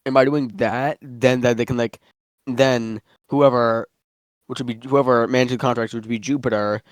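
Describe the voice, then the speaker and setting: A man's voice: medium pitch, fairly even intonation, moderate pace, no echo, clean studio sound. A man chatting casually about fictional lore, rambling with lots of fillers and restarts while eating, so he sounds slightly muffled. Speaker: guest worldbuilder.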